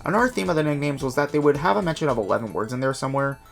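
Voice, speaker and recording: A man narrating a casual video with a quick, self-mocking, chatty delivery. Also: medium pitch, animated, gravelly, faint music behind. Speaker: YouTuber and documenter.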